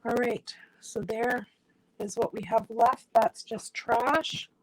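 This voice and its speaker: This low-quality recording, with a little hiss or hum, captures a woman's somewhat high, steady voice speaking slowly. An independent stamping demonstrator losing her voice, she chats with viewers at her craft table, demonstrating step by step with her hands.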